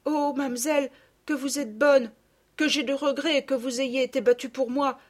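A tearful, remorseful peasant girl, played by a woman reader, high and contrite. She pitches well above the reader's own voice and pleads. It is a storybook audiobook character. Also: fairly even intonation, moderate pace, darkish tone, lightly acted.

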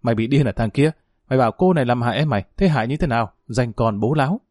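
A man voicing a sharp-tongued, quarrelsome older aunt in a spoken family drama. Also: medium pitch, dry recording, clean studio sound, natural voice. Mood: scolding, furious. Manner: harsh, berating, rapid tirades.

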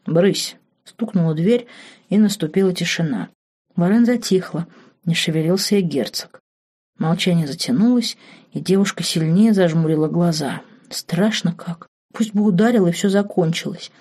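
A woman narrating an audiobook in an expressive, dramatic reading. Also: on the low side, normal speed, slightly rough. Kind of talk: scripted narration.

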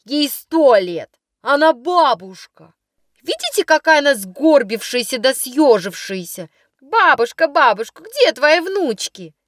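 A cruel little schoolgirl teases in a lilting, high, singsong voice, as a woman reader puts her on. Her taunts bounce up and down playfully. The sound is close and dry, with no room around it. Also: big pitch swings, measured pace, a bit bright, no room sound, heavily acted. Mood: mocking. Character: mocking teasing schoolgirl.

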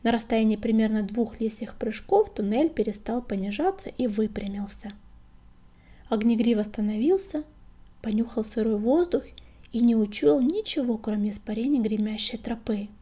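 A woman narrating an audiobook in a soft, hushed whisper. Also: fairly high pitch, moderate pace. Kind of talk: whispered storytelling.

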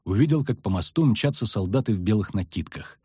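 A man narrating a fantasy audiobook with dramatic, expressive delivery. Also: fairly low pitch, brisk, husky, no room sound, studio quality.

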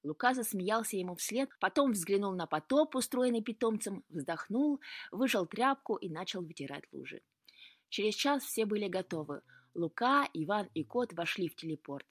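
A woman's voice: medium pitch, dry recording. Woman narrating a story, dry sound. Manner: even, storytelling delivery. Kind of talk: audiobook narration.

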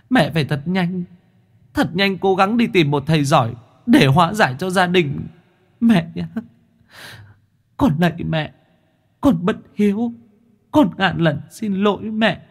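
A woman voicing a remorseful young daughter who begs her mother's forgiveness in a contrite, soft-spoken letter. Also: on the low side, unhurried, pauses often, breathy edge.

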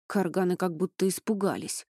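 A woman reading an audiobook voices an excitable young male recruit with a thin, high voice. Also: fairly quick, no echo, studio quality. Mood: excited.

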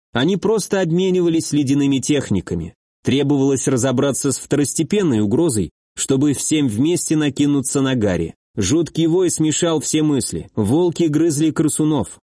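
A male narrator reads fantasy fiction in a steady, measured voice of middling pitch. The recording is dry and close, with no room sound. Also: no echo. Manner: steady, measured reading with acted dialogue. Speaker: audiobook narrator. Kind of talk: scripted fantasy audiobook narration.

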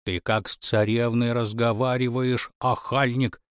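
A man voicing a plump, fussy old nanny who dotes and laments loudly. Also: medium pitch, level tone, a little slow, smooth, no room sound, clean studio sound, close to an everyday voice. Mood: scolding. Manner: wailing, doting, scolding.

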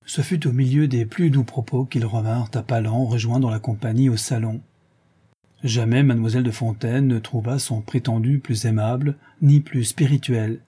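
A man narrating a classic novel as an audiobook, in a measured, even reading. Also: medium pitch, breathy edge.

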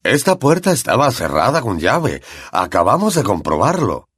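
A flustered, pompous official as a male reader puts him on, blustering and huffy. His delivery swings widely up and down with a husky edge, close and dry. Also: mid-range voice, huge pitch swings, normal speed, fairly bright tone, dry recording, exaggerated voice. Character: flustered, pompous middle-aged male minister.

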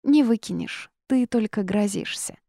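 A woman's voice: medium pitch, measured pace, creaky, warm tone, dry recording, studio quality, pitched above the performer's own voice. A woman reading an audiobook and voicing a cheeky talking male house cat that drawls and wheedles. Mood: wheedling.

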